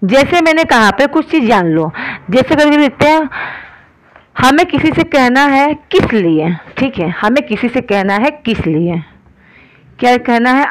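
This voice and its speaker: Indian woman, grammar teacher online, a bit high-pitched, patient and repetitive, slows down for examples. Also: rough recording. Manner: explains in Hindi, often asks if it is clear; slows right down to spell out example sentences.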